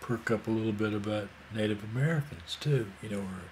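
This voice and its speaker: A man's voice: fairly low pitch, a little fast, darkish tone, slight background noise. A man in his sixties telling a rambling, casual story full of fillers and asides. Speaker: vlogger.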